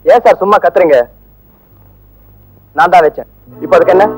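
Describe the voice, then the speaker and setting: A man's voice: high voice, normal speed, lightly acted, low-quality recording. An actor playing a defiant young male student who answers his teacher back with cool insolence in a film scene. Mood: insolent. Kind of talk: 1980s film acting.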